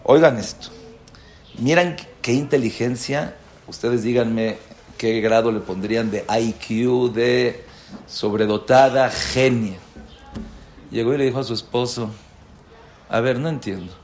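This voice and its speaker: A man teaching a lively Torah class, asking his listeners questions. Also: medium pitch, unhurried, a little hiss or hum. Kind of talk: animated religious lesson.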